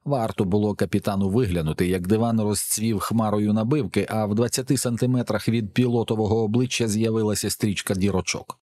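A man narrating an action novel in a steady, measured reading. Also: fairly low pitch. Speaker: audiobook narrator. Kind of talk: scripted narration.

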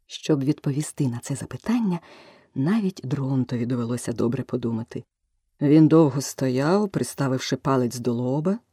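A woman reads a children's storybook aloud with an expressive, animated delivery that rises and falls. Her voice is low, dark and a little breathy. The recording is close and dry. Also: normal speed, no echo. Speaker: narrator.

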